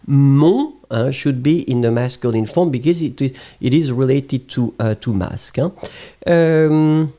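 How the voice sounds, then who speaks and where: A man's voice: medium pitch, slow pace, warm tone. A man who is a native French speaker, teaching a live lesson, reading out viewer comments and explaining them in English with frequent chuckles.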